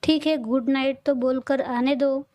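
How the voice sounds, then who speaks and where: A woman voicing a lively young woman who is a cheeky little sister, in a read-aloud audio story. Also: high voice, a little slow, dry recording. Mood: pleading.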